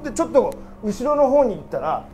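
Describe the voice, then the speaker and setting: An excitable comedian rattles through a ghost story at high speed, his voice leaping up and down as he acts out chants and reactions. He slips Kansai turns of phrase into his otherwise mixed speech. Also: fairly quick, soft background music. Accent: mixed Japanese dialects with Kansai turns. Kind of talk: theatrical storytelling.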